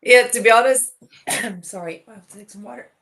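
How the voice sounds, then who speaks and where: She speaks fairly quickly in a fairly high, creaky, somewhat bright voice. A startup founder who is ill and losing her voice, she talks casually and anecdotally as a guest on a podcast interview.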